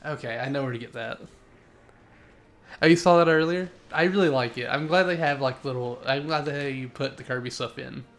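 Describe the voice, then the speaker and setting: A man's voice: medium pitch, normal speed, a bit bright. Chatty young male gaming streamer. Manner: chatty, reads chat aloud, rambling self-corrections. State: sneezy. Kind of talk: live gameplay commentary.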